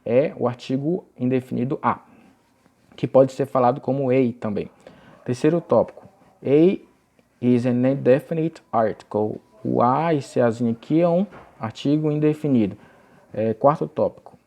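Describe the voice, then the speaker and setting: Gravelly male teacher explaining grammar. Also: mid-range voice, mellow. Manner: explains slowly, reads English phrases aloud deliberately. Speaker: English teacher. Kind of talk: recorded video lesson.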